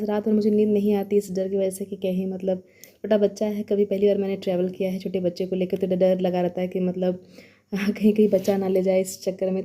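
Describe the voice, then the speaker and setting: Young woman doing a chatty family vlog, pretty even flat tone. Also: medium pitch. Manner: chatty, mixes English into Hindi. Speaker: vlogger.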